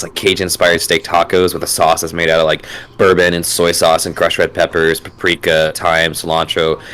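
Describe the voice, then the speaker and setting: A man with a hoarse voice still recovering from illness, chatting casually as co-host of a live gaming stream and enthusing about cooking. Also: deep voice. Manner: relaxed, enthusiastic about food.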